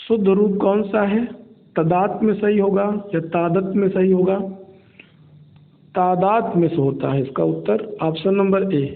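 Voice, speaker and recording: Slow high-voiced teacher, tinny audio. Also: male voice. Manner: steady, explains each answer option and repeats the correct form. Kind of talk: exam-prep spelling lesson.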